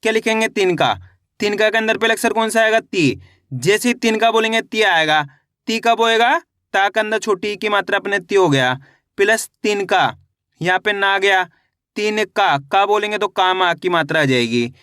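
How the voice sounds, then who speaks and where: A man teaching Hindi reading in an online lesson, sounding out each syllable slowly and repeating each finished word lower and firmer. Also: lively intonation, bright, forceful tone, clear, resonant tone, no echo, clean studio sound.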